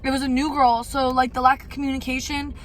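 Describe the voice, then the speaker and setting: Young female vlogger, high voice, candid rambling chat, background noise. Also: level tone, fast. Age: young adult. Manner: candid, rambling, mild swearing. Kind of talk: casual chatty life-update vlog.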